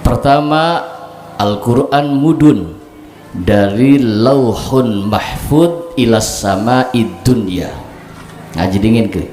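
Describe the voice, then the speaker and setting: Joking preacher, echoey hall. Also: male voice, mid-range voice, slow, a little mellow. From Cirebon, Indonesia. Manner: joking, banters with the audience. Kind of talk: religious sermon at a gathering. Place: evening religious gathering. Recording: echoey hall with faint ambient noise.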